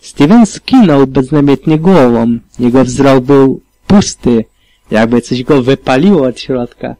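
Mężczyzna narrator czytający audiobook z przejęciem, w pierwszej osobie. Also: male voice, medium pitch, lively intonation, unhurried, dark tone, dry recording, rough recording. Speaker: audiobook reader. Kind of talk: audiobook narration of fan fiction.

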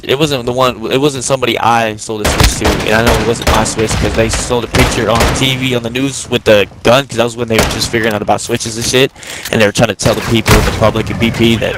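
A man's voice: on the low side, very noisy. Young man rambling in slangy stories. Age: 20s. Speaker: gamer. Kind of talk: casual chat while playing. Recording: game sounds and gunfire behind the mic. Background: gunfire from the game.

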